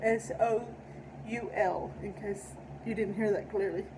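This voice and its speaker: A woman's voice: mid-range voice, steady tone, a little slow, noisy background. A middle-aged woman with an Appalachian accent talking casually to camera, enunciating with care. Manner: careful enunciation. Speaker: video channel host and poet. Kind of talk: casual vlog talk. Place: indoor room at home.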